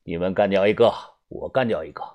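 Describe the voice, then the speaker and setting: A man voicing a cold, ruthless male gang leader who talks low, slow and flat with quiet menace. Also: dull audio, lightly acted. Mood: calm, lecturing.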